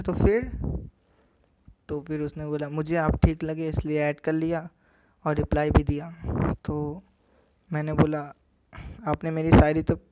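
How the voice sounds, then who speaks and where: A man's voice: on the high side, a little mellow, clear, resonant tone. Chuckling man giving dating tips. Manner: reads out chat messages, chuckling between them. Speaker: dating tips video host. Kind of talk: casual tutorial narration.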